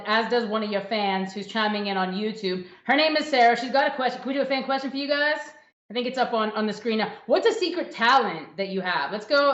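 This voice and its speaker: Woman livestream host, higher voice, playful, roomy echo, dull lo-fi sound. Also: a bit bright. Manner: chatty, playful, fast asides. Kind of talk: upbeat livestream hosting.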